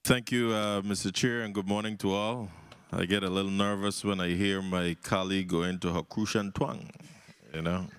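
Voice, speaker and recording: A low-voiced man with a Virgin Islands accent addresses a hearing as a senator. His tone is smooth and resonant, recorded dry and close. He keeps things jovial and conversational while staying semi-formal. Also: fairly even intonation, moderate pace, dry recording. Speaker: senator questioning at a budget hearing.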